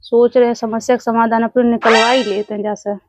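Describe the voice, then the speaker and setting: A woman's voice: fairly high pitch, little pitch movement, a little fast, noisy background, close to an everyday voice. A woman playing a blunt, sceptical village housewife in a comedy sketch, speaking rural north Indian Hindi dialect. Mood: suspicious, scornful. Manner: blunt, questioning.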